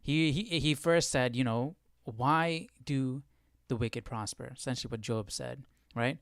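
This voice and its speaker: Hosting a casual Bible study on a livestream, a man with a medium-pitched, creaky voice explains things at a measured pace, thinking aloud and frequently asking questions. The sound is clean studio audio with no room echo.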